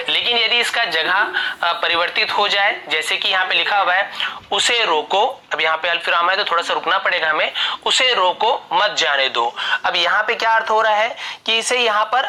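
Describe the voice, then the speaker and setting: A man's voice: sits high, pushed and bright, slight background noise. A young man teaching a grammar lesson, patiently repeating example sentences aloud.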